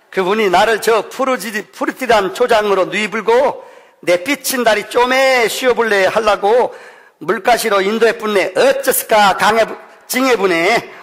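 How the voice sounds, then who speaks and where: A man voicing an excitable, exclamatory man with a Jeolla accent, reciting a psalm in a sermon. He speaks in a long church hall reverb. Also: very high-pitched, voice pushed up, exaggerated voice. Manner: exclamatory, animated dialect.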